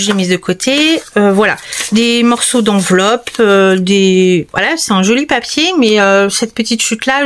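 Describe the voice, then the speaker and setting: A woman with a slightly high voice walks viewers through her paper-crafting supplies in a casual tutorial. She talks in an easygoing, chatty way, full of small hesitations and asides to the audience. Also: slight background noise. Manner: chatty and relaxed, speaks straight to viewers, many hesitations.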